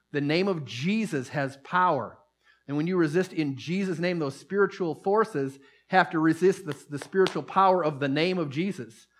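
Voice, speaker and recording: A man preaching a sermon, emphatic and swinging between loud declarations and hushed, quiet lines. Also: a little high.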